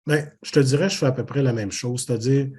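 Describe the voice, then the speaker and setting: An older man from Haiti with a Québécois French accent, a business owner talking earnestly and reflectively as an interview guest, pausing on fillers and restarting phrases. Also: mid-range voice, warm tone, slightly rough. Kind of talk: casual interview conversation.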